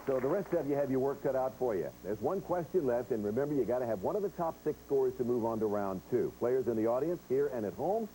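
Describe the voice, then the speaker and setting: In a television studio, a game show host with a medium-pitched voice speaks straight to players and viewers, laying out the rules and reading quiz questions. Background noise can be heard.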